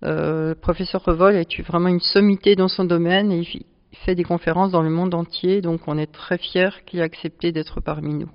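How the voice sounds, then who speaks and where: A woman who presides over a charity club, answering interview questions at length and pausing often to find her words. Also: fairly low pitch, fairly even intonation, dry recording. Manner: explanatory, speaks at length with frequent hesitations. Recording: dull lo-fi sound.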